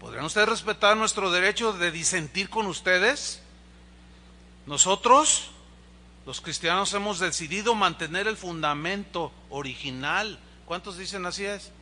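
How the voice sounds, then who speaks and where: In a high-pitched, pushed and bright voice, a male pastor delivers a conversational sermon at a measured pace. He poses rhetorical questions to his church congregation and performs quoted dialogue in character voices.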